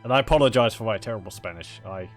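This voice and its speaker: A man giving casual, halting gameplay commentary, thinking aloud as he chats with his viewers. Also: on the low side. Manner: musing aloud, chuckling, halting. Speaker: video game streamer. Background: game music.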